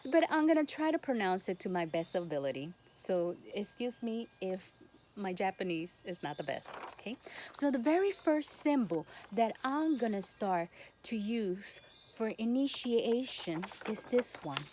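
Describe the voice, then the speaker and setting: A woman with a Spanish accent gives guided spiritual instruction to the camera as a Reiki teacher, speaking non-native English in short, halting phrases. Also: mid-range voice, big pitch swings, darkish tone. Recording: noticeable background noise.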